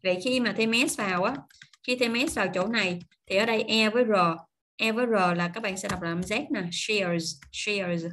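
A woman teaching English pronunciation online, drawing out model words slowly and then explaining in quick, chatty asides. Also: fairly high pitch, a bit bright, slight background noise. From Vietnam.

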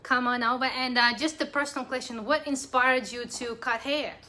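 Bright, enthusiastic woman interviewer. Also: sits high, fairly even intonation, normal speed. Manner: enthusiastic, complimentary. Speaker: interviewer and host. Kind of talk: live video interview. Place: barbershop and outdoor walkway. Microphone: handheld phone camera.

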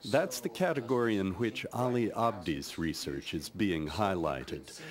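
A man's voice: low-pitched, lively intonation, a little slow, a crowd in the background. An American man narrating a scripted science news report as a correspondent.

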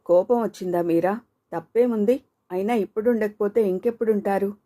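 A woman's voice: medium pitch, brisk, warm tone, close to an everyday voice. A woman voicing Jyothi, a talkative, teasing young woman with a car, in playful banter.

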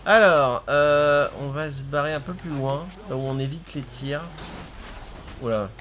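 A man's voice: fairly high pitch, measured pace, noisy background. A man streaming a video game with his cousin, chatting casually, exclaiming at the action and laughing often. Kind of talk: casual gaming commentary.

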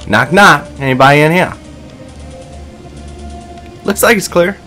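A man's voice: on the high side, a little slow, bright, forceful tone. A young man commentating casually on his own gameplay, nervous and self-mocking. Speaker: let's play commentator. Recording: game music underneath. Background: game music and sound effects.

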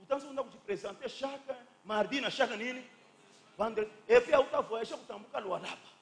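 A man preaching a fervent sermon, shouting and stretching phrases as he calls on the congregation to repeat after him. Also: very high voice, fairly quick, vocal fry. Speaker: pastor. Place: church during a live service.

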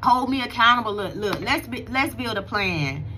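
A faith vlogger, a woman in her thirties, encourages viewers devotionally in a casual way from her bright home, filmed close on her phone camera. Her talk is earnest, preachy and conversational, riddled with restarts. The voice is on the high side, animated, bright and forceful at a moderate pace, with slight background noise.

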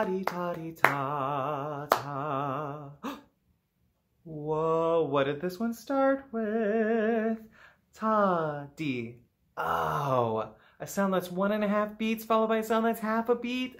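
A man's voice: high-pitched, animated, takes it slowly. A man teaching an online music lesson to children, playful and upbeat, singing rhythm syllables and sometimes whispering.

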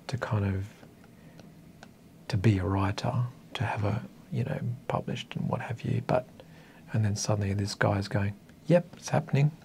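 A gravelly, fairly low male voice with a level tone and a darkish color, moving at normal speed but pausing often, over slight background noise. He's an Australian author in his fifties from northern coastal New South Wales, a guest chatting casually and reflectively in a small indoor meeting room. He speaks hesitantly and thoughtfully, with a self-deprecating way about him.

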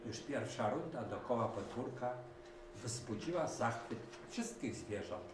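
A man reading a children's story aloud, slowly and with lively voicing for the animals. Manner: slow, lively reading, raising his pitch for the animals' lines. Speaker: storybook reader. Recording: echoey room, from a distance, with background noise.

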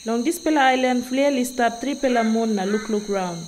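A woman's voice: on the high side, brisk, a little mellow, low-quality recording. A woman reading scripted documentary narration. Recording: clear background noise with insects.

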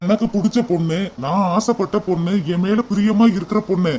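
A man's voice: sits high, steady tone, a little fast, darkish tone, slight background noise, natural voice. A man voicing a doting young cartoon husband who is affectionate and teasing, with a Tirunelveli Tamil accent. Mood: reassuring. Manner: affectionate, reassuring.

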